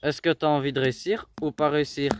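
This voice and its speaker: A man's voice: on the high side, fairly even intonation, fast, a little hiss or hum. Pushy motivational man from Belgium. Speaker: business owner mentoring a teen. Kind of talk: motivational talk.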